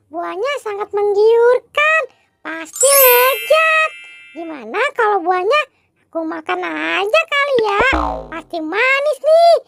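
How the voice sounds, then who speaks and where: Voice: very high voice, vocal fry, heavy background noise, heavily acted. A performer voicing Doraemon, a greedy, carefree robot cat in a clown skit. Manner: slow, drawling, carefree. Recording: loud music underneath.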